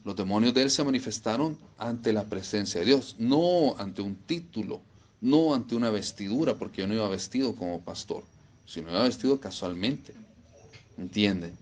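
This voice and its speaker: A man's voice: on the low side, darkish tone. A man preaching a sermon, emphatic and repeating phrases for stress.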